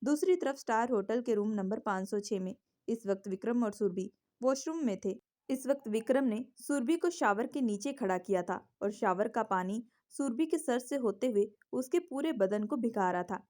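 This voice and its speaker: Mellow-voiced woman narrating a story. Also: a little high, expressive, normal speed. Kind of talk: scripted narration of a romance story.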